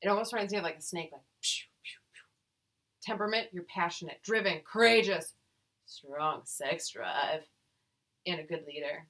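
A woman's voice: on the low side, lively intonation, normal speed, fairly bright tone. A woman co-hosting a podcast, casually reading results aloud with playful, profane jokes in between. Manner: playful, profane, jokey asides. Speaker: podcast co-host.

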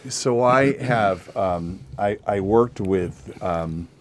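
A middle-aged man hosting a podcast interview, talking casually with frequent restarts and pauses. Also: fairly low pitch. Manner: hesitant, restarts often, thinks aloud. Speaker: podcast host.

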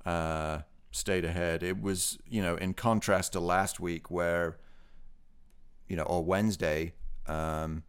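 A man co-hosting a podcast, giving a relaxed, rambling race report full of fillers. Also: low-pitched, takes it slowly, clear, resonant tone. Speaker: podcast co-host. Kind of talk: casual podcast chat.

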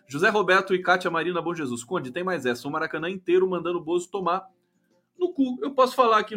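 A man's voice: sits high, bright, forceful tone. A man with a Brazilian Portuguese accent hosting a live stream of casual political commentary, sarcastic and profane, often ending phrases with a tag question.

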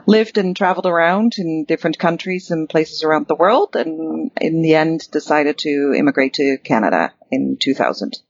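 A woman's voice: low voice, moderate pace, hardly any pauses, breathy edge, no room sound. Chatty Dutch-born woman, muffled dry sound. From the Netherlands. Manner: chatty and rambling, many ums and restarts. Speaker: guest, networking chapter director. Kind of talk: casual interview conversation.

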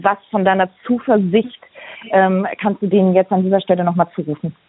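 A woman hosting a remote podcast, asking chatty questions with fillers, heard over a low-quality phone line. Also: fairly even intonation, brisk, breathy edge. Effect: low-quality phone-line sound. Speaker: podcast host.

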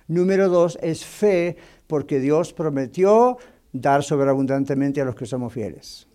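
Pastor with a dark, fairly high voice. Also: male voice, lively intonation, measured pace. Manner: sprinkles English fillers and keeps asking the class "right?". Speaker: pastor teaching a Bible class. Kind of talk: conversational Bible teaching. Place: church classroom in the United States.

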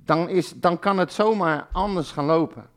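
A man's voice: high voice, normal speed. An older man ranting bluntly in a casual podcast chat, swearing and getting worked up. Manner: blunt, swearing, fired-up rants. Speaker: podcast co-host, football fan.

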